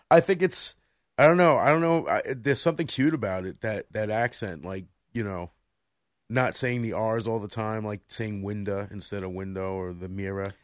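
Soft-spoken, low-voiced man on a podcast. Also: moderate pace, no echo, studio quality. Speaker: podcast co-host. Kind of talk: casual chat.

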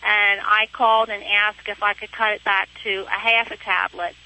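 A woman's voice: mid-range voice, little pitch movement, normal speed, bright, forceful tone. A woman from Pennsylvania calling in to a radio show from her car, heard over the phone, chatty and explaining in rambling detail. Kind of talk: casual call-in chat. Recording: dull, lo-fi phone line.

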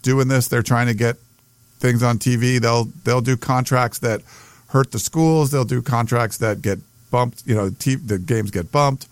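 A man's voice: mid-range voice, steady tone, a little slow, dry recording. An American man co-hosting a sports podcast in casual chat, hesitant and circling back over his phrases.

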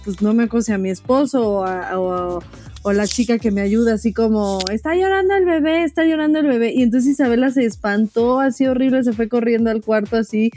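A woman's voice: on the high side, fairly even intonation, a little fast, dark tone, faint music behind. A woman host, a mother, talking casually with many hesitant fillers. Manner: rambling, hesitant, many "este" fillers, laughs. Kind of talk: casual podcast chat.

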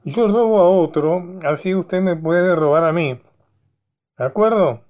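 Guy doing a squeaky scared jester, whiny and excitable, lo-fi sound. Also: a little fast, close to an everyday voice. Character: Eusebio, male jester feigning fright, then sly. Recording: dull lo-fi recording.

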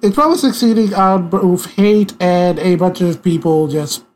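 Agreeable podcast co-host, halting starts. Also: mid-range voice, darkish tone, slight background noise. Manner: agreeable, repeats words as he starts. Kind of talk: casual chat.

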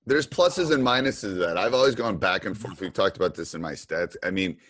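Deep-voiced chatty male podcast host. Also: lively intonation, a little fast, a bit bright, no echo. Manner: chatty, with many fillers and restarts. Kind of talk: casual interview.

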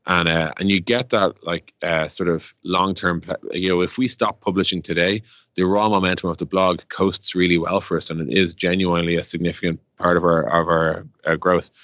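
An Irish man, co-founder of a tech startup, explains business as an interview guest, rambling conversationally with plenty of "like" and "you know." His voice is low and flat, his pace brisk. The recording is dry and the audio dull.

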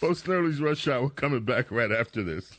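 A man's voice: mid-range voice, animated, fairly quick, fairly bright tone. A man hosting a radio show, giving news commentary and banter in a teasing, sardonic manner on a close studio microphone. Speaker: radio talk show host.

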